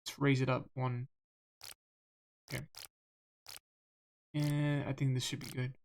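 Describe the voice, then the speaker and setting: A game streamer with a monotone voice, rambling through live gameplay commentary, self-deprecating and often repeating words. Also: medium pitch, slow, a little hiss or hum.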